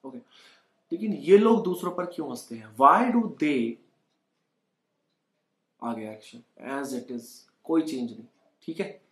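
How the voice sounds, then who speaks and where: A man's voice: fairly high pitch, lively intonation, slow, long pauses, fairly bright tone. A young Indian man teaching spoken English in Hindi, coaxing learners to repeat the sentences after him. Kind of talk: Hindi-English language lesson. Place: indoors at home. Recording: echoey room.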